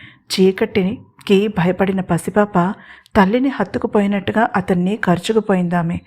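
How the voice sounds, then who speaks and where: A woman host narrating a romantic audio story in a steady, expressive reading voice. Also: medium pitch.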